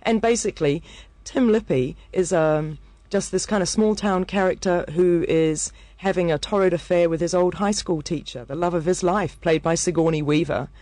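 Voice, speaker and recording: A woman's voice: on the low side, normal speed, warm tone, dry recording. A woman with a New Zealand accent reviewing films on the radio, enthusiastic and chatty, with lots of fillers and restarts. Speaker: film reviewer. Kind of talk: casual radio chat.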